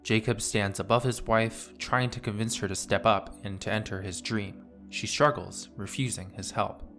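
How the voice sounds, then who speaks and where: A man in his twenties narrating a scripted video essay in a measured, analytical way. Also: fairly low pitch, fairly bright tone.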